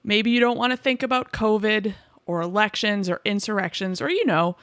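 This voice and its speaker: A woman in her forties from the Boston suburbs trades teasing, quick quips as co-host of a comedy podcast. Her pitch sits in a middle range. The sound is close and dry. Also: fairly bright tone, dry recording. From Boston suburbs, USA. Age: 40s. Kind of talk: sarcastic comedic chat.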